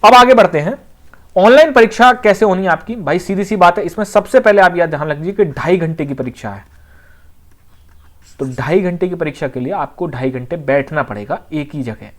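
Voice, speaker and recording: An exam coaching teacher explains things in a relaxed, conversational way, speaking at normal speed in an expressive mid-range voice. They repeat points and keep checking that students are following.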